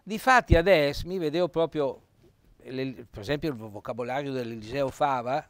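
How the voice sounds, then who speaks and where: A man's voice: mid-range voice, normal speed. A man, a retired teacher in TV chat, lecturing and correcting grammar. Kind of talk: bantering TV chat. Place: local TV studio.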